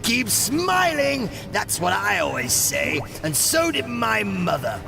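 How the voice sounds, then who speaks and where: Male supervillain: maniacal, gleeful, mocking, very slow and creaky, theatrical audio drama menace. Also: high-pitched, sing-song, full character voice. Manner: theatrical, mocking, drawn-out delivery with cackling. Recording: loud music under the voice.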